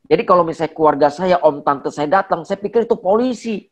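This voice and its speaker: A man's voice: on the high side, lively intonation, fast talker. A man around forty, a pastor, giving an earnest personal testimony in conversation, speaking emphatically with a slight stammer. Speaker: pastor, guest.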